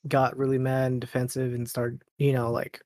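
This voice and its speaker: A man's voice: mid-range voice, monotone, normal speed, darkish tone, no echo, clean studio sound. A man in his late twenties, a podcast guest, telling a dating story casually, rambling with lots of fillers and laughs. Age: late 20s.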